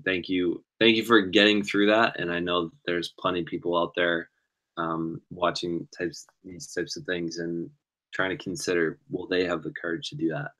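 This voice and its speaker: A man hosting an interview, asking supportive questions gently and haltingly, with many fillers. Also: low voice, low-quality recording. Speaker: interview host.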